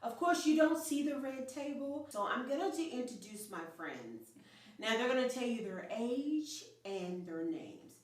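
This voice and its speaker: A woman in her fifties hosts a relaxed talk among friends, chatty and upbeat. Her voice sits on the higher side. She sounds far from the mic in a very echoey room. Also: a little slow. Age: 50s. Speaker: channel host. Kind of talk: casual group chat.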